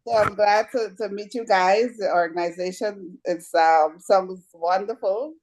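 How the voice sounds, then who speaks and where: A woman's voice: medium pitch, unhurried, a little mellow. A woman from Guyana, a home care agency owner chatting and patiently explaining at a community meeting. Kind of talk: introducing herself at a community meeting.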